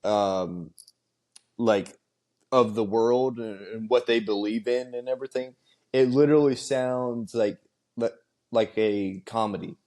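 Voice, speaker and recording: A man's voice: mid-range voice, a little slow, mellow. A young man co-hosting a podcast over a video call, talking in a laid-back, agreeable way with plenty of fillers. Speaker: podcast co-host. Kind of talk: casual chat.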